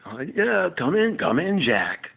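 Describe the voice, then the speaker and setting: A fussy, exasperated lawyer, as a man puts him on, scolding in a voice pushed far above his own, loud and nagging. The sound is thin and tinny, like a phone call. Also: fairly high pitch, big pitch swings, a little slow, creaky, breathy edge, voice pushed up, exaggerated voice. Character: fussy exasperated male lawyer, easily annoyed.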